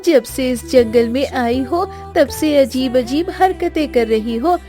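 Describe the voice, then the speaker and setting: A woman's voice: sits high, slow, mellow. A woman voicing a playful teenage girl who teases her mother, over background music. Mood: cheeky. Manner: teasing, cheeky. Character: playful teenage girl, teasing younger sister. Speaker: voice actor. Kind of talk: dubbed cartoon acting.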